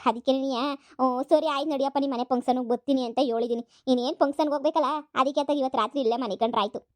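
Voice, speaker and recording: A woman's voice: high-pitched, steady tone, fast talker, a little mellow, natural voice. A woman voicing a scheming, greedy mother in a cartoon comedy, nagging and wheedling. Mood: boastful. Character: scheming greedy rural mother, middle-aged.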